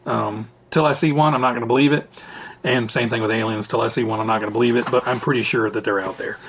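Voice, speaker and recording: An RC hobby channel host answers viewer questions in a casual Q&A vlog recorded at home indoors on a camera mic, rambling, chatty and often interrupting himself. His mid-range voice sounds raspy and tired after hours of recording, moving quickly with fairly even intonation over a noisy background.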